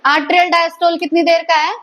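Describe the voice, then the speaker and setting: A woman delivers a biology lecture in a classroom, her voice pitched high. She keeps checking the class with quick questions and repeats each answer back to them. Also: flat delivery, a bit bright, a little hiss or hum, poor audio. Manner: quizzes students with repeated questions. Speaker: biology teacher.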